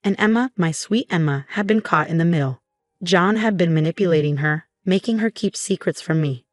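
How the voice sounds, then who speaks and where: Low-voiced woman narrating a story. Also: no echo, clean studio sound. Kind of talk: scripted first-person story narration.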